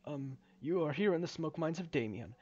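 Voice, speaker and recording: A man voicing a hesitant, polite male mine overseer in a video game, halting and rambling with many uhs. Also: a little high, expressive, a little mellow, voice pushed up. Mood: explaining. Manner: halting, full of uhs and fumbling restarts. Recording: dull lo-fi recording.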